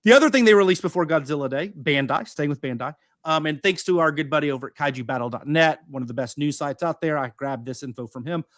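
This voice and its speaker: A man co-hosting a casual podcast, rambling with many fillers and restarts. His voice sits a touch high, and the sound is close and dry. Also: fast talker, hardly any pauses, a bit bright, dry recording. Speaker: podcast co-host. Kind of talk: casual chat.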